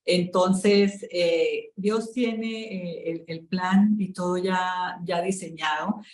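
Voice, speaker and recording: A Colombian woman, a spiritual coach, telling her story in an interview in an emotional, halting way, with many fillers and restarts. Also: on the low side, steady tone, darkish tone, echoey room, rough recording.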